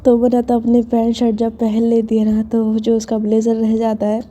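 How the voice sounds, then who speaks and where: Mellow-voiced woman telling a love story. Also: a little high, monotone, normal speed, soft background music. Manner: chatty, intimate retelling with many fillers. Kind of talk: casual romance story narration.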